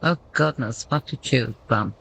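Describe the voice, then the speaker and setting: A woman talks through her gameplay at a slow, easy pace, reading menu text aloud as she thinks. Her voice is bright and tense, with a gravelly fry underneath. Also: rumbling low, a little hiss or hum, low-quality recording. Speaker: gameplay commentator. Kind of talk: casual gameplay commentary.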